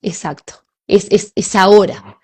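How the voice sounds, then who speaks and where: Woman, rioplatense accent, animated talk, dramatized inner voices, mid pitch. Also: measured pace, slightly rough. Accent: Rioplatense Spanish. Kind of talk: casual spiritual conversation.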